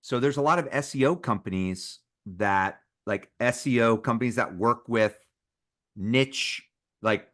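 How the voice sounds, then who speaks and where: A man hosting a business interview show, asking questions in an energetic way with quick asides. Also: mid-range voice. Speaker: podcast host.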